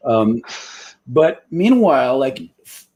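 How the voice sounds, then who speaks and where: A man co-hosts a podcast in relaxed conversation, with a lively voice that rises and falls a lot. He talks bluntly and does not shy away from the odd curse word. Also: medium pitch, slow pace, dull audio. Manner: animated and blunt, with occasional swearing. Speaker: podcast co-host. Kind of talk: casual discussion.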